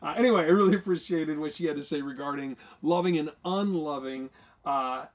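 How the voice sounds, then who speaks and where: A man with a somewhat high voice co-hosts a church livestream in an earnest, folksy way. He talks loosely about faith, often restarting his sentences and filling pauses with "uh". At times he reads scripture aloud. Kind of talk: casual faith talk with scripture reading.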